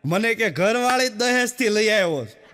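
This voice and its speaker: A man's voice: sits high, animated, normal speed, long reverb tail, heavy background noise. A man from Gujarat, telling village jokes on stage and acting out both sides of each exchange. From Gujarat, India. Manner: tells village jokes with quoted dialogues, repeats punchlines. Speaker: stand-up comedian. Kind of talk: folksy stand-up joke telling. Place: stage show before an audience.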